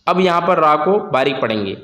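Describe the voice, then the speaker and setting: A man's voice: fairly high pitch, expressive, a little fast, a bit bright, echoey room. A man teaching Quran reading, drawing out each syllable and repeating the sounds for learners. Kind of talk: slow, step-by-step recitation lesson.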